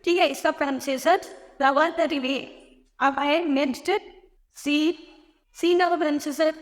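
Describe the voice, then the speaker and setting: A woman with an Indian accent teaching a grammar lesson, explaining slowly and repeating each point. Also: sits high, fairly even intonation, long reverb tail. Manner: explains slowly, repeats phrases, mixes in English words. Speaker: English teacher. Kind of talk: classroom-style grammar lesson.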